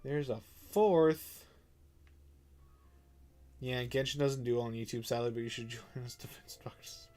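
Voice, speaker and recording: Speaking unhurriedly with long pauses, a stuffed-up young man rambles through casual, filler-laden commentary during a game live stream. His mid-range voice has a darkish tone.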